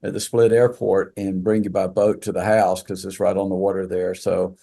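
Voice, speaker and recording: A man from South Georgia, speaking as an interview guest in a halting way, with many fillers. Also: low voice, level tone, gravelly, dark tone, husky. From South Georgia, USA. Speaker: entrepreneur guest. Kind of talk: casual interview chat.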